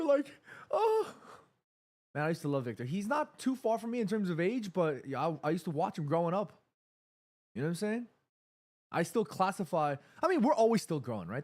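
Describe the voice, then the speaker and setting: A man in his thirties hosting a live football watchalong stream, chatting casually, reading viewer messages aloud and getting excited during attacking moves. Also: mid-range voice. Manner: chatty, reads viewer chat aloud between play calls.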